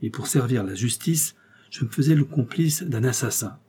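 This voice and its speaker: A man's voice: mid-range voice, expressive, normal speed, mellow, slightly rough. A man voicing an earnest police detective in an audiobook, speaking in an explanatory, slightly theatrical way. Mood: anguished. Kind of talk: audiobook character reading.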